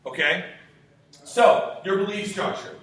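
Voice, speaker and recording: A man in his twenties takes it slowly as he gives a group sales training talk, his voice high and a bit bright. Punchy and emphatic, he fires rhetorical questions and swears casually. Faint hiss and a distant mic add to the very echoey room sound.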